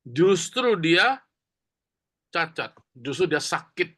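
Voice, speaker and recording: Brief: male preacher, slightly high voice, casual sermon storytelling with asides to the congregation. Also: big pitch swings, slow pace, a bit bright. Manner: conversational storytelling, many fillers and asides to the congregation. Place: church.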